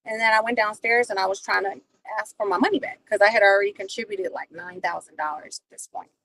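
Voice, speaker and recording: A woman hosting a livestream, telling a personal story in a profane, animated way. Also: medium pitch, fast, poor audio. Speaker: livestream host. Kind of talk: casual storytelling.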